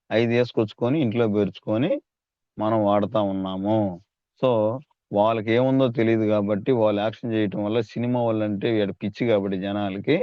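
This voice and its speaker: A man's voice: lowish voice, no room sound, dull audio. Persuasive man giving a sales training talk. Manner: persuasive, repeatedly addresses listeners, asks rhetorical questions. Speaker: network marketing trainer.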